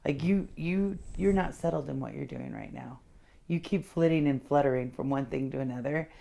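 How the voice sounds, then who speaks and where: Gravelly low-voiced woman giving frank readings. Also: moderate pace. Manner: frank, chatty, laughs often; animated, acts out his inner voice. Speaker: handwriting analyst. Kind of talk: casual personality reading.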